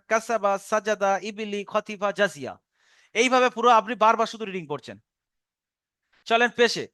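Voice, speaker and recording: High-voiced man teaching step by step. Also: bright, forceful tone, clean tone, no echo, clean studio sound. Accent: Bengali. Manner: patient step-by-step explanation, spelling out syllables slowly. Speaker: Quran reading teacher. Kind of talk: recorded online lesson.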